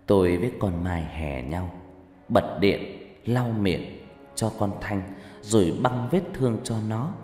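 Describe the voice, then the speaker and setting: A man narrating a first-person horror story in an expressive, dramatic way. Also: lowish voice, a little slow. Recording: echoey reverberant room, faint music.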